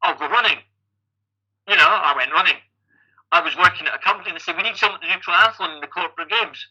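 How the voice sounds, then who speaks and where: This fiftysomething Scotsman, an athlete and coach appearing as an interview guest, chats through casual stories and tends to repeat the opening word of his sentences. He talks quickly in a high, bright, forceful voice with a breathy edge, and the highs are cut off.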